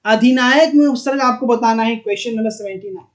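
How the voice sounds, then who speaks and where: A man's voice: very high voice, quick pace. A man with a Bihari Hindi accent teaching an exam-prep lesson online, repeating words and coaxing students with questions.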